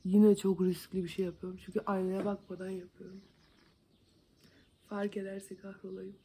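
A woman's voice: medium pitch, level tone, normal speed, warm tone, slight background noise. Chatty young woman doing her makeup. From Van, Turkey. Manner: chatty, joking, self-mocking. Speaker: beauty vlogger. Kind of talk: casual makeup vlog. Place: home, indoors.

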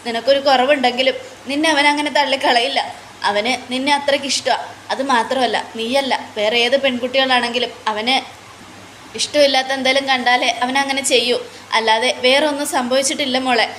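A woman's voice: sits high, fairly even intonation, a little fast, fairly bright tone, a little hiss or hum, voice pushed up. A woman voicing a caring middle-aged mother who tenderly comforts her crying daughter-in-law. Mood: consoling.

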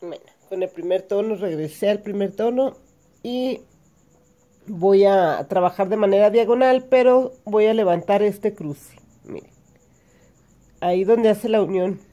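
An embroidery teacher with a warm, mid-range voice works through a hand embroidery lesson step by step. She speaks unhurriedly and pauses often, patiently explaining each stitch as she goes.

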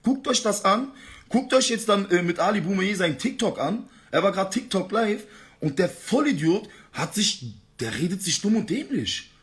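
Guy with a high voice going off on a heated slangy live-stream rant, pitch jumping all over. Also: big pitch swings, normal speed. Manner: ranting, street slang.

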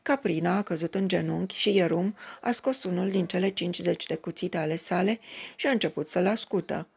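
A woman reading a fairy tale aloud in a measured storytelling cadence. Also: on the low side, gravelly, a little mellow, slightly rough.

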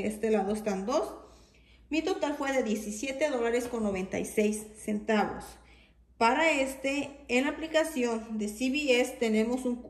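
A woman's voice: on the high side, darkish tone, echoey room. A woman vlogger chatting casually as she goes over store deals and coupons, listing prices step by step. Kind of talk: casual haul walkthrough.

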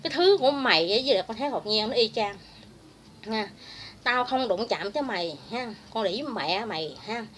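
A woman's voice: fairly high pitch, animated, moderate pace, a bit bright, slight background noise. A woman ranting angrily and crudely at someone in a vlog. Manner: heated, crude, insulting. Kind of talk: angry vlog rant.

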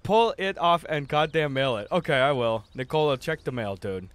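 This young adult man's voice is on the high side, clear and resonant, a bit bright, with lively intonation and a moderate pace, captured in a dry recording. He hosts a casual gaming livestream from his indoor setup, reading viewer messages in a slangy, jokey, profane way and often saying "dude" and "bro", though he sounds a little worn-down.

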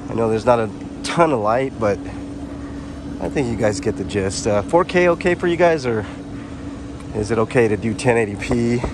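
A man's voice: mid-range voice, expressive, moderate pace. A man filming a casual walking vlog outdoors on a city sidewalk, rambling and chatting directly to his viewers on a handheld camera mic. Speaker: vlogger. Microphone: handheld camera mic while walking. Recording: street traffic noise behind. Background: traffic.

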